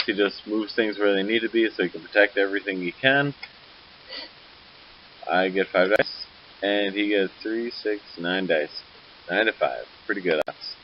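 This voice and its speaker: A man casually recapping a tabletop wargame turn by turn, rambling and correcting himself, sleepy and yawning. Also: lowish voice. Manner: rambling, loose, self-correcting. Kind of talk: casual battle report narration. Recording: dull lo-fi recording with faint hiss.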